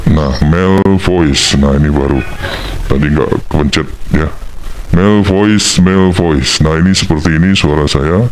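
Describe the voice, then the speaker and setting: A man talking through a soundcard voice changer set to a very deep male or monster voice, showing off the effect. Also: a little hiss or hum. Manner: demonstrating a gadget, drawn-out delivery. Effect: soundcard voice changer, pitched very deep.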